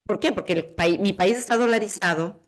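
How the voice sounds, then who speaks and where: A woman's voice: medium pitch, brisk. A woman from Ecuador, hosting a podcast interview in an enthusiastic, reflective way. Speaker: podcast host. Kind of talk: interview conversation.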